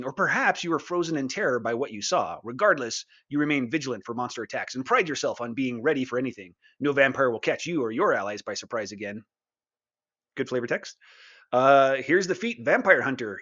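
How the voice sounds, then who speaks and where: A man's voice: medium pitch, fairly bright tone, dull audio. Chatty man explaining game rules. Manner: chatty, with frequent "uh" and tag questions. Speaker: tabletop game content host.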